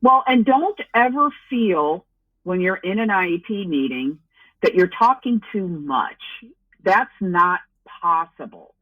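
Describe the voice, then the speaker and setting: A woman's voice: lowish voice, animated, slow pace, fairly bright tone, dry recording. A woman speaking as an education advocate, giving emphatic and reassuring advice to parents. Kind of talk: advice in conversation. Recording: tinny phone line.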